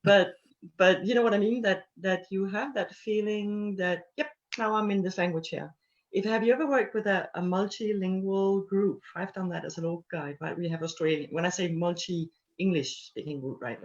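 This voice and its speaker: A woman's voice: mid-range voice, fairly even intonation, moderate pace, muffled recording. A woman tour guide from Denmark chatting in a round-table discussion. She talks animatedly, laughs often and restarts her sentences. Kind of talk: casual round-table chat.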